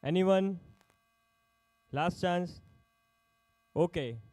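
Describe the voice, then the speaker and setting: A man's voice: high-pitched, extremely slow, darkish tone, dry recording. A man working as an auctioneer at a live sports player auction, calling out bids in short, repeated phrases.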